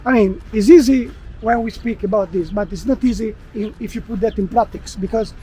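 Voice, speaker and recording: A man from Italy with an Italian accent, a non-native English speaker, talking as a guest while walking outdoors in a park, often pausing and restarting as he searches for words. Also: high-pitched, warm tone, a little hiss or hum. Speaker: guest, expat blogger. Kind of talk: casual interview while walking.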